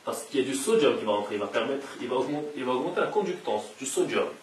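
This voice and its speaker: A man's voice: mid-range voice, expressive, fast talker. A man giving a casual science lecture, explaining step by step and repeating the key terms. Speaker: science educator. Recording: roomy echo, distant mic, faint hiss.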